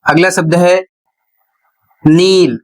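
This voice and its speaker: A male English teacher from India gives a slow classroom explanation in a high voice with fairly even intonation, captured on a rough recording. He speaks deliberately, spelling words out letter by letter.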